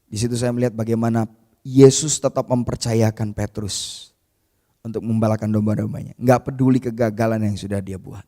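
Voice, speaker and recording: A man with a warm, somewhat low voice preaches a little quickly, keeping his intonation fairly even. The sermon is informal and conversational, sprinkled with casual asides, as he addresses the listeners as "saudara" (brother) and acts out the scripture's characters in their own voices.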